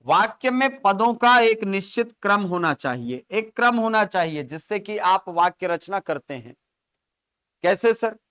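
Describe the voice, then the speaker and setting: A man's voice: sits high, animated, unhurried, a bit bright, clear, resonant tone, no room sound, studio quality. A man teaching grammar in a live coaching class, explaining through examples and constantly checking in with his students.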